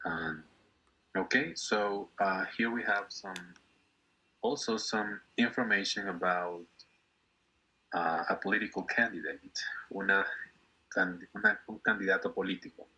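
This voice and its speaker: A man from Ecuador, teaching an online class and patiently repeating words slowly for his students. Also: low-pitched, bright, forceful tone, husky, rough recording. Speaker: English teacher.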